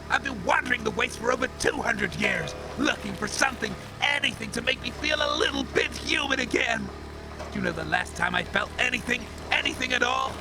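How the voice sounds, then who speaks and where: An actor playing a gruff, boastful, bitter centuries-old cyborg drifter in a comic audio drama. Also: male voice, very high-pitched, heavily acted, low-quality recording. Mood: anguished, ranting. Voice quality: gravelly. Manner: brusque, irritable, swaggering. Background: music bed.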